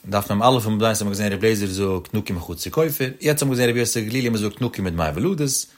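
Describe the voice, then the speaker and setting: A man giving a Talmud study lecture in a sing-song study cadence, often rising in pitch at the ends of his phrases. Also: racing. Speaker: Talmud teacher.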